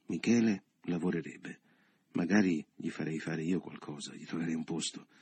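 A man's voice: low voice, normal speed, mellow, breathy edge, no room sound. A man voicing an assertive businessman who coaxes and insists, read in an audiobook. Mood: domineering. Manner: insistent, coaxing. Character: assertive businessman lover, persuasive, domineering. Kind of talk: audiobook character reading.

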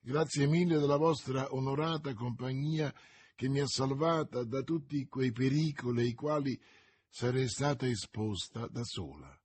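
A man's voice: mid-range voice, darkish tone, breathy edge, no echo. A man voicing a secretive young woman in an audiobook, speaking seriously and pleadingly. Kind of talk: audiobook reading.

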